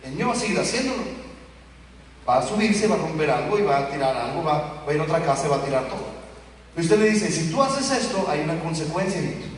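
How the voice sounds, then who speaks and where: A Mexican pastor preaches in a lively, animated way, slipping into the voices of the people in his stories. His voice sits high for a man. It comes from far off in a big hall with long echoes and faint background noise. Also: quick pace. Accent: Mexican Spanish. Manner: animated, acts out quoted voices of children and parents. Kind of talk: sermon. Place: church hall.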